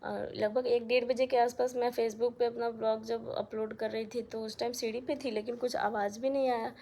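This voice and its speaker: A woman's voice: on the high side, little pitch movement, moderate pace, gravelly, mellow, slight background noise. A young woman in a casual vlog, talking straight to her viewers in a chatty, aggrieved way. She is filming on a phone in a small room at home with the fan turned off. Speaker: vlogger. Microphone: phone camera held close.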